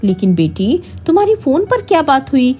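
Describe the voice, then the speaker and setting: A woman voicing a gentle, soothing older mother in a storybook tale. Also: high voice, sing-song, normal speed, faint music behind.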